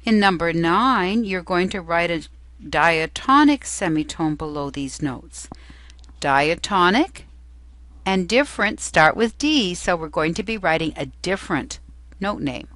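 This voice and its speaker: A woman teaches a lesson in a slightly low voice at a slow pace. She is patient and careful, laying out each step in turn as an instructor. The sound is dry, with very little room in it. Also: animated, fairly bright tone, no room sound. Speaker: music theory teacher.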